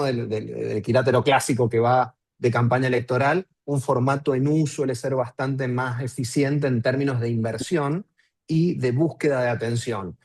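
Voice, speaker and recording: A man's voice: medium pitch, a little mellow. A man speaking as a political consultant on a webinar panel, explaining campaign strategy and repeating words as he thinks, over a video call.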